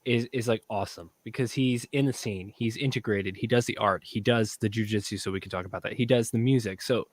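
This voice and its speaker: A tipsy man co-hosting a casual livestream chat, excitable and rambling, swearing as he talks. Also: on the low side, a little fast, few pauses. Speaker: podcast co-host.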